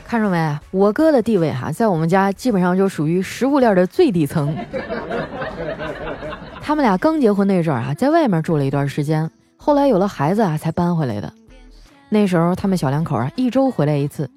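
A woman radio host telling comic stories about her family, chatty, with drawn-out particles and frequent laughs. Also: on the low side, very animated, dark tone, some chatter behind. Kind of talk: comic storytelling monologue. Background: faint background music.

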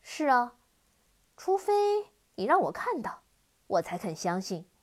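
A woman voicing a brave, clever girl in a children's storybook reading, speaking boldly and loudly. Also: fairly high pitch, sing-song, unhurried. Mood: defiant. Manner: bold, clever, raised voice.

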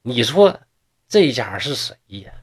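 Guy doing a cocky young storybook dude, northeastern accent, husky, bouncy pitch. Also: very animated, takes it slowly, exaggerated voice. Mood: reassuring. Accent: Northeastern Mandarin. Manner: brash, swaggering. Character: boastful young man, brash and confident cousin.

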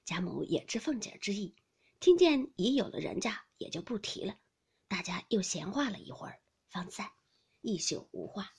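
A woman reading a classic novel aloud as a narrator, expressive and often dropping to a hush. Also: mid-range voice, moderate pace, vocal fry, breathy edge. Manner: expressive, shifts between hushed and lively.

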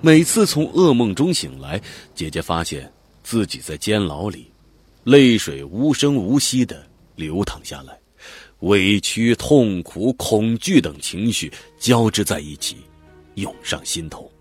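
A man's voice: fairly low pitch, big pitch swings, unhurried, slightly rough. A man narrating a dramatic audiobook, telling the story vividly and expressively. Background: faint background music.

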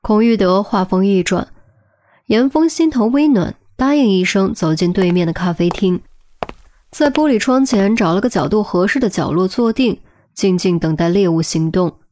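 A woman reads a serialized web novel aloud. She narrates in a steady, even storytelling manner, keeping a mid-range pitch. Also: moderate pace, no echo, studio quality. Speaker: audiobook narrator.

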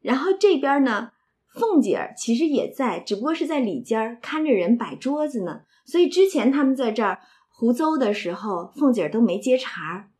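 A woman's voice: fairly high pitch, very animated, normal speed, darkish tone. Chatty woman retelling a classic novel. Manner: chatty, asides and rhetorical questions. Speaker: literature storyteller and explainer.

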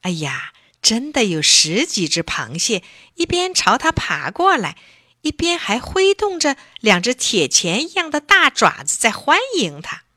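A woman reading a children's story aloud in a gentle, expressive way. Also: a little high, unhurried, dry recording, studio quality.

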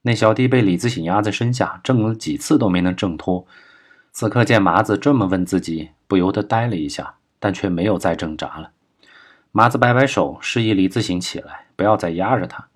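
A man narrating a crime novel as an audiobook, reading in a steady, measured way. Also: fairly low pitch, slightly rough.

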